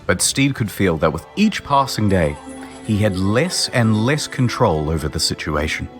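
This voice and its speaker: A man narrating a comedic history story in a dry, deadpan way, over background music. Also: on the low side, moderate pace.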